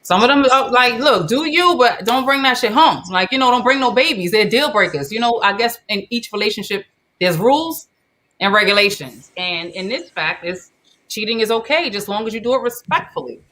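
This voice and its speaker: A woman's voice: medium pitch, lively intonation, a little fast, a bit bright. A woman co-hosting a live chat show, hyped and playful as she opens and talks through the topic. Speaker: podcast co-host opening the show.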